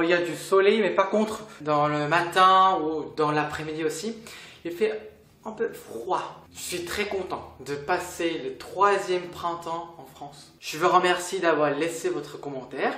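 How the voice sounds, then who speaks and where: A man's voice: on the high side, normal speed, few pauses, fairly bright tone. A man from Korea with a Korean accent, a native Korean speaker, teaching a casual lesson in a chatty, playful way with little laughs. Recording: roomy with faint noise.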